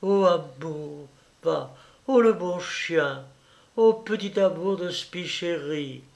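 A man's voice: on the high side, lively intonation, measured pace. Man doing a gushing, cooing young lady. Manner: cooing, fussy baby talk to a little dog. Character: gushing, affected young Parisian woman fussing over lapdog.

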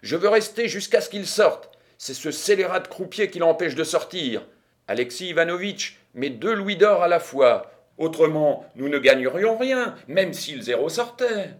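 A man voicing a stubborn, excitable old grandmother at a gambling table in an audiobook reading, with a shrill, scolding, insistent manner. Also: moderate pace, close to an everyday voice. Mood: indignant.

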